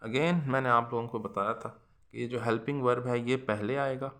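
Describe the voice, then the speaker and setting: A man, teaching English grammar to students in a lecture, checking often that they follow and reading English examples slowly and deliberately. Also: medium pitch, a bit bright. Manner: addresses students as "janab" and "beta ji", often asks "theek hai". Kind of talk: classroom lecture.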